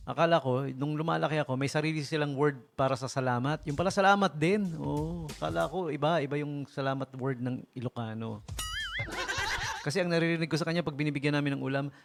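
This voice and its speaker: Fast and gravelly, with a fairly high pitch, this man from the Philippines works as a radio DJ spinning funny stories. He jokes casually, laughs a lot, and stays animated while music runs under the broadcast.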